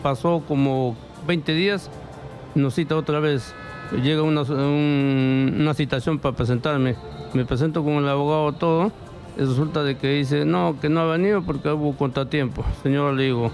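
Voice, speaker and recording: This is a middle-aged man from Peru with a rough, gravelly voice that sits slightly high. He speaks into a studio microphone with headphones on, halting and circling back, and acts out the words of lawyers and officials. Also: steady tone, darkish tone, soft background music. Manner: halting, repeats himself, acts out dialogue. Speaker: interviewee reporting bank fraud. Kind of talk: emotional testimony in a radio studio. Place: radio studio. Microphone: studio mic with headphones.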